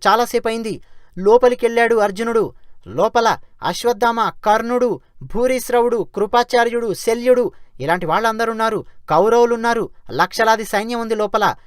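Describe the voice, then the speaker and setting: A narrator lends a voice to an anxious elder king in a spoken retelling of an epic, pleading urgently with a warrior he trusts. The pitch sits in the middle, and the sound is dry and close with no room behind it. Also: no echo, natural voice. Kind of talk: storytelling narration with acted quotes.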